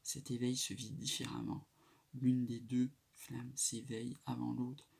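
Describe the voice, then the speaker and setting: A man giving a quiet, whispered late-night tarot reading in a hushed, gravelly voice. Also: mid-range voice, little pitch movement, unhurried. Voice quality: gravelly, creaky. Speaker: tarot card reader. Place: indoors at night. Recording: noisy amateur live recording with clicks.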